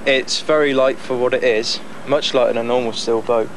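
A young man speaking casually in an interview outdoors on a boat deck, relaxed and chatty, with frequent fillers and laughs. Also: medium pitch, brisk. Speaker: amateur boat builder. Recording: noisy outdoor 1990s news tape.

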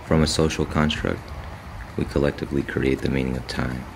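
A man in his thirties giving a measured, contemplative scripted voice-over for a vlog. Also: rumbling low, fairly even intonation, gravelly, slight background noise. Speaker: vlogger. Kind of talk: scripted reflective voice-over narration.

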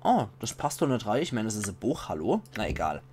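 A man with a Palatinate German accent, reading a game's book texts aloud in a measured voice and adding casual asides. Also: on the low side, sing-song, a little mellow, a little hiss or hum. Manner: measured reading voice, slows for foreign titles. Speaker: let's play commentator.

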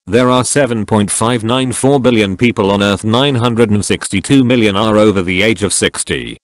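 Male narrator, low-pitched voice, dry close sound, reading posts aloud. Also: no room sound. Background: faint background music.

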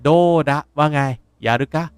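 A young man, a language teacher explaining words in a lively way while playing a game. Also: unhurried, dry recording, faint music behind. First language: Japanese. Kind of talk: game playthrough lesson.

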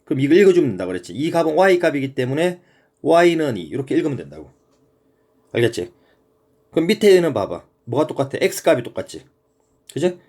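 Lively, casual Korean math teacher man. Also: fairly high pitch, moderate pace, pauses often. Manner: casual, keeps checking in with the student. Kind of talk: informal math lesson.

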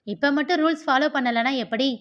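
A woman voicing an agitated, sharp-tongued sister-in-law who questions indignantly. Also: high-pitched, brisk, pitched above the performer's own voice. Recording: dull lo-fi recording.

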